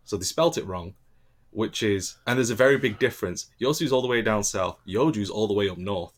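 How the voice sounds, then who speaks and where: A man with a fairly low voice chats casually, stumbling and restarting his sentences as he goes. He tells stories in a dry, teasing way. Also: fairly quick. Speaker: guest recounting teaching in Korea. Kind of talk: casual podcast chat.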